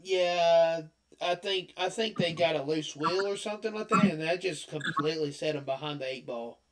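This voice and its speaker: A man with a fairly high speaking voice chats casually on a podcast. He stumbles and restarts as he works up to venting his opinions. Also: normal speed, crowd noise. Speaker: podcast co-host. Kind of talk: casual chat.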